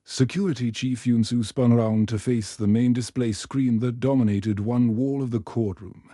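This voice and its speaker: A man narrates a science fiction story in a steady, even way. His tone is mellow and dark, mid-pitched. The recording is dry and close. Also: normal speed, no echo. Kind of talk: scripted narration.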